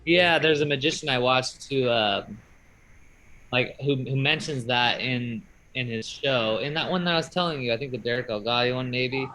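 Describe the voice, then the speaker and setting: A man's voice: medium pitch, normal speed, sharp tone, low-quality recording. A man who does magic, talking casually and rambling upbeat on a video call. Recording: faint noise on a video call.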